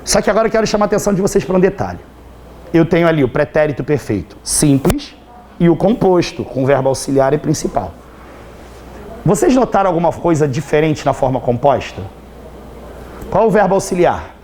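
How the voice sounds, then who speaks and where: Chatty Brazilian teacher, slightly hoarse. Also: male voice, fairly high pitch, very animated, a little fast, darkish tone, a little hiss or hum. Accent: Brazilian Portuguese. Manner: chatty, teasing, constantly checks understanding. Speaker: Portuguese teacher. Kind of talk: live online class.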